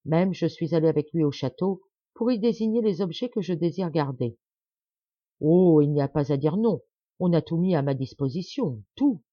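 A woman's voice: low voice, lively intonation, moderate pace, warm tone, dry recording, highs cut off. A woman reading the part of a proud, stubborn middle-aged man who talks with insistent, forced cheer. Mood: satisfied.

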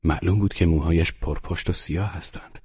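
A man with a husky voice reading a novel aloud in calm, measured scripted narration. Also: deep voice. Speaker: audiobook narrator. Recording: dull lo-fi audiobook recording.

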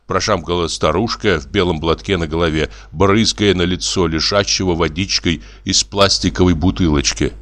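Man, audiobook narrator, measured, expressive, low-pitched.

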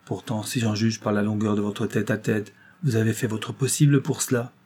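A man reading the part of a frank, impulsive young woman who speaks in a lively, indignant way. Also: on the low side, normal speed, breathy edge.

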